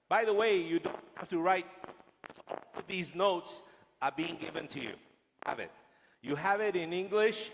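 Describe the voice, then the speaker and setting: A man's voice: on the high side, fairly bright tone. A male guest lecturer speaking to police officers in a large lecture hall, joking with and teasing the audience. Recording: long hall reverb.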